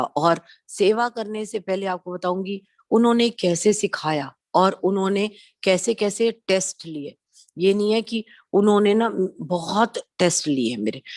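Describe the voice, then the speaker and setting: Low-voiced woman telling a devotional story. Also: darkish tone, dry recording, studio quality. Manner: conversational storytelling, mixing in English words; acts out quoted dialogue in her telling. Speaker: devotee sharing experiences at a satsang. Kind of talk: personal spiritual testimony.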